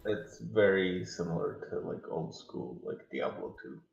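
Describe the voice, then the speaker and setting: A man's voice: deep voice, animated, measured pace, creaky, a little mellow, lo-fi sound, faint music behind. A man in laid-back, casual chat on a voice call, his voice hollow as if he were inside a well, picked up by a webcam microphone. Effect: hollow sound as if inside a well. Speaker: friend on a voice call. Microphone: built-in webcam microphone. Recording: echoey distant webcam mic over a voice call.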